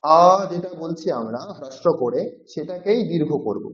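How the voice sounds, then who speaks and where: His voice is a little high, and he speaks expressively at normal speed. The man is giving a classroom lecture for a language course, patiently explaining and repeating every sound several times to show it. Roomy, dull-sounding audio.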